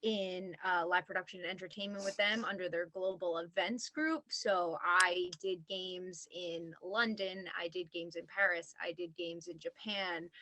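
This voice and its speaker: A woman's voice: medium pitch, pushed and bright, slight background noise, rough recording. A young woman guest on a podcast, a live events producer, chatting casually and laughing often as she tells stories.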